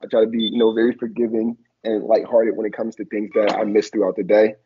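In a casual interview over video call, a young adult man speaks quickly and flatly in a lowish voice, with a little hiss or hum in the audio. Originally from Liberia and raised in Philadelphia, he played football in college and talks reflectively, using many fillers. He's in a small indoor room on a laptop camera, and the sound is dull and lo-fi.

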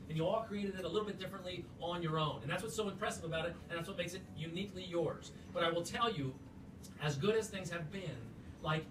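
A man with a high voice gives a rambling, enthusiastic toast to a crowd, stumbling over his words. He sounds far from the mic in a reverberant room. Loud background noise runs under his speech. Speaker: speaker giving a toast at a company event. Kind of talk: informal motivational speech.

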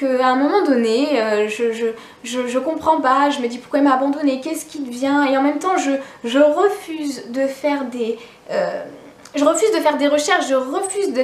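A woman's voice: high-pitched, moderate pace, roomy sound. A woman YouTuber telling a personal story in a casual vlog, candid and chatty, with frequent restarts and asides to her viewers.

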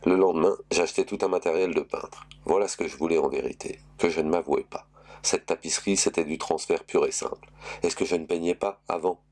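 A man reading a novel aloud, telling a first-person story in a measured, wry way. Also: sits low, steady tone, vocal fry, a little mellow. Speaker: reader.

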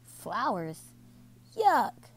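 An eager little girl gardener, as a woman reading a bedtime story puts her on, high and excited. Her voice stays mellow and a little gravelly underneath. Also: a little slow, exaggerated voice. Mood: disgusted.

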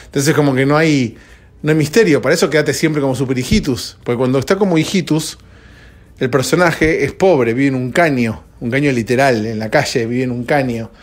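A man's voice: medium pitch, fairly quick. A sleepy man with a Rioplatense Spanish accent, rambling conversationally as a podcast host, recorded at home at dawn. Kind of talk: solo podcast chat.

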